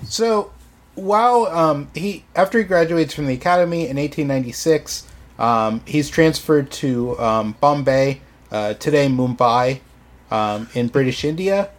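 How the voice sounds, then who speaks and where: Hesitant man narrating history. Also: fairly high pitch. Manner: frequent ums, halting restarts. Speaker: podcast host presenting history. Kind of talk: casual history podcast chat.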